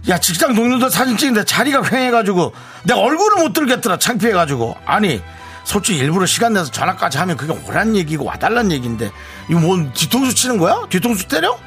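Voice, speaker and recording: A man's voice: high-pitched, sing-song, fast talker, a bit bright, soft background music, full character voice. A man playing a pushy, self-centered friend in a radio skit, fawning to guests and whiny to his friend.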